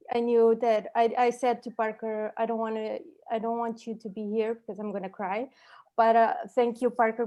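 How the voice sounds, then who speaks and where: A woman toasts a friend over a video call. Her voice sits a little high, and she halts and restarts with feeling. She drops in dry jokes along the way. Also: dark tone. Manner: emotional, halting, wry. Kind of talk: casual toast.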